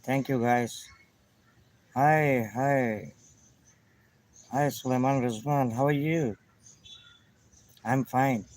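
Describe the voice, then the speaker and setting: Slow-talking Pakistani man greeting viewers. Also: medium pitch, steady tone, darkish tone. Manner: halting simple English, greets viewers by name. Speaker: vlogger chatting with viewers. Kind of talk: casual live chat.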